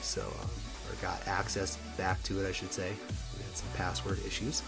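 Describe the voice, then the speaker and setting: A man with a low, congested voice calls a fighting game match on his own. He talks loosely and keeps up a chatty flow with fillers and small laughs. Loud game music plays under him. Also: monotone, moderate pace. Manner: casual, chatty, laughs often, many fillers. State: stuffed up from a cold. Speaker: esports commentator. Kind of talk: solo play-by-play commentary.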